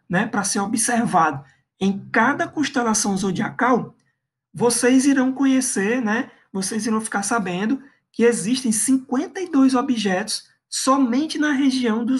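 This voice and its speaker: A Brazilian Portuguese-accented woman presenting an astronomy lesson over slides, often tagging her sentences with quick check-ins to the viewer. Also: fairly high pitch. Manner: adds frequent checking tags like "tá bem?". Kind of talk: explaining slides in an online lesson.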